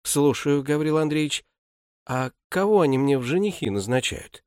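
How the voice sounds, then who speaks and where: A meek young laundress as the man reading the story puts her on, soft and hesitant. Her brief replies have lively pitch in a dry audiobook sound. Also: normal speed, clear, resonant tone, no echo, natural voice. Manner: quiet, hesitant.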